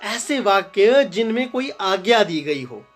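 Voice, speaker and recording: A man's voice: high-pitched, sing-song, unhurried, a bit bright, faint music behind. Man teaching Hindi grammar step by step. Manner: repeats and stresses example sentences, asks and answers own questions. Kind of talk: explanatory grammar lesson.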